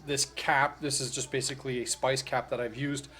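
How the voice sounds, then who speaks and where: A man with a mid-range, slightly bright voice and little pitch movement speaks at normal speed as host of a tutorial channel. He narrates a casual hands-on how-to step by step, loosely and hesitantly, often correcting himself.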